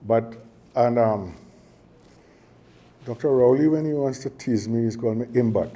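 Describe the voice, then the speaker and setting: At a signing ceremony, a university chairman gives a ceremonial speech in a mellow, mid-range voice at a moderate pace. The older man has a Trinidadian accent and keeps things conversational and joking, straying into anecdotes and peppering his talk with fillers and false starts.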